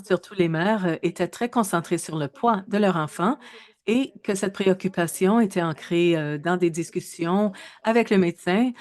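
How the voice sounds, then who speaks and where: A woman's voice: lowish voice, darkish tone. Woman in her thirties, hesitant lecturer. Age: 30s. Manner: measured, with frequent hesitations and self-corrections. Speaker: researcher presenting a webinar. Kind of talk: webinar presentation.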